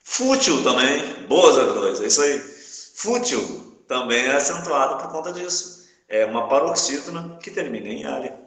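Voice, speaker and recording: A man's voice: mid-range voice, sing-song, normal speed, fairly bright tone. A man teaching a live class, who checks in with his students again and again. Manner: checks in often with the class, asking "tá?". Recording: echoey room.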